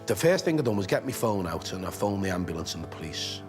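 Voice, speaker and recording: Documentary witness: man, lowish voice, halting and emotional, music bed underneath. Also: very animated. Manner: halting, emotional, repeats himself. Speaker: interviewee, witness. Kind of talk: documentary interview recollection. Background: soft music score.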